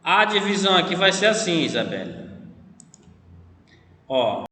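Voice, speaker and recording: A man's voice: high-pitched, big pitch swings, a little slow, sharp tone, a little hiss or hum. A male literature teacher with a Brazilian accent, lecturing an online class patiently and often checking in with his students. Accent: Brazilian Portuguese. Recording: echoey room with long reverb.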